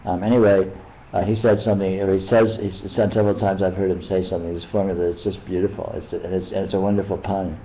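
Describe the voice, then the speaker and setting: An older man, a meditation teacher, talking casually at a retreat in a halting, rambling way with many restarts. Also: deep voice, little pitch movement, mellow, slight background noise, poor audio.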